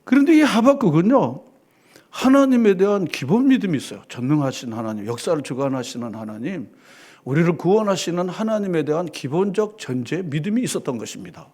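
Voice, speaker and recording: Fervent male pastor, lively high voice. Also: fairly quick, breathy edge. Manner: fervent preaching, rising and dropping dramatically. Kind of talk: sermon.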